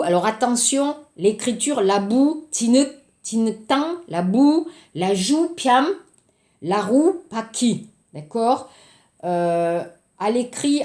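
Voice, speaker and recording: Slow-paced woman teaching French. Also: on the high side, darkish tone, roomy sound. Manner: slow, explaining word by word. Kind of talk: recorded language lesson.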